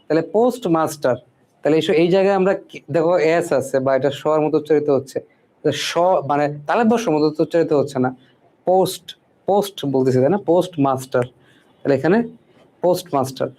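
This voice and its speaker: A man's voice: on the high side, fast talker, mellow. A man teaching a spelling lesson, repeating each word and checking in with "right?" after almost every point. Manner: repeats words and keeps asking "ঠিক আছে?".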